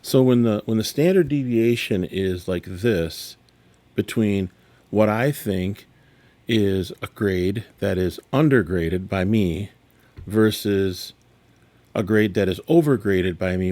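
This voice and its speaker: A man's voice: fairly low pitch, slow, mellow, no room sound. A middle-aged man talking casually, rambling and exasperated, correcting himself often as he reacts to graded sports cards. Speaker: sports card dealer. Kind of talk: casual card grading reveal vlog.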